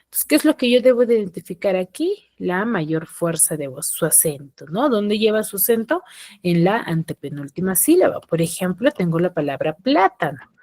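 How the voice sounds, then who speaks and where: A woman teacher giving an online class, explaining slowly and checking in with her students after almost every point. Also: lowish voice, big pitch swings, dark tone, no echo. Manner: slow and explanatory, often checks with "¿ya?" and "¿sí?". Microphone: computer mic on a video call.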